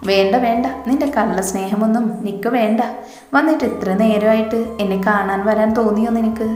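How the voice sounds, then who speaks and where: A woman voicing a sharp-tongued, doting grandmother in a narrated novel, scolding in play. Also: mid-range voice, moderate pace, reverberant, in a large hall, faint music behind, natural voice. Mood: mock annoyed. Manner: mock-scolding.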